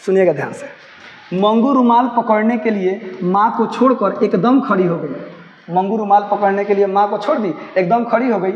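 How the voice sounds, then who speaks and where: A high-voiced man explains a story to his students line by line. He reads each sentence, then restates it in plainer words and keeps urging them to listen closely. The recording sounds roomy, with a long echo, a dull lo-fi tone and faint noise behind. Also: moderate pace. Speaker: teacher.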